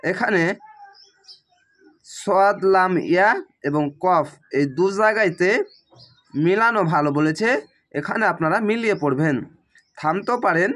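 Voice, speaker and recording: A man teaching Quran reading, chanting each Arabic word slowly and stretched out, then explaining the rules quickly in plain speech. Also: high voice, fairly bright tone. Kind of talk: slow spelled-out recitation lesson.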